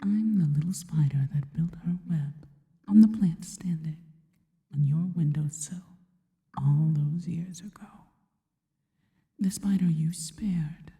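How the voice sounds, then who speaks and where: Playing a seductive spider woman for ASMR roleplay, a woman whispers with an adoring, sultry air. Her lowish, breathy voice is very dark and unhurried, her phrasing slow, intimate, devoted and deliberate, fading into a long reverb like a hall's.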